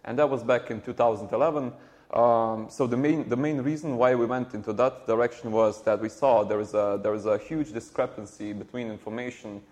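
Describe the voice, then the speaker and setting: A man, a startup co-founder answering interview questions in a halting way with many repeated words. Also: medium pitch, fairly even intonation, darkish tone. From Slovenia. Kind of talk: conversational interview.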